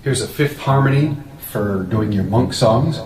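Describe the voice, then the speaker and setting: A man casually demonstrating a vocal effects pedal, explaining in a relaxed way with fillers and restarts. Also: mid-range voice, measured pace. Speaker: product demonstrator. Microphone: open vocal mic at a distance. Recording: roomy, distant mic, faint hum.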